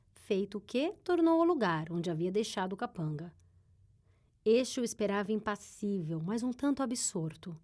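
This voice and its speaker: A woman narrating an audiobook in a measured, steady reading style. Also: mid-range voice.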